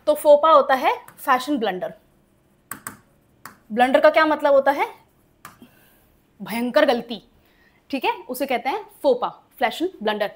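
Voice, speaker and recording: High-voiced woman teaching vocabulary. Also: lively intonation, unhurried, pauses often. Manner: explains step by step, spells words letter by letter, asks checking questions. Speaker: English teacher. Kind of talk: exam-prep vocabulary lesson.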